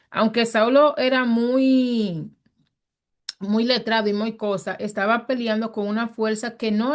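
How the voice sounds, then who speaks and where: A woman teaching a Bible study in a conversational sermon style, earnest and emphatic. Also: fairly high pitch. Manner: earnest and emphatic, acts out quoted speech.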